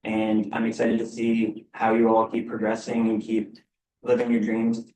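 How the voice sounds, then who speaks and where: Young man's halting farewell speech. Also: fairly low pitch, completely flat delivery, darkish tone, a little hiss or hum. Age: 20s. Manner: grateful, halting with many fillers. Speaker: senior athlete giving a speech. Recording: roomy, from a distance.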